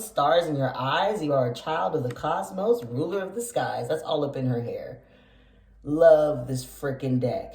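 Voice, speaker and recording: A woman giving a casual, chatty tarot reading for her channel, full of slangy asides and quick explanations of each card. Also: low voice, a little mellow. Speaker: tarot reader. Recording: echoey room, distant from mic.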